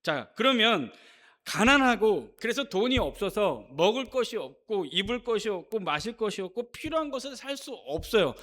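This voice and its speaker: A man's voice: sits high, big pitch swings, normal speed, a bit bright. A male pastor giving a Sunday sermon in a church, emphatic and firing off rhetorical questions at the congregation. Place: church sanctuary.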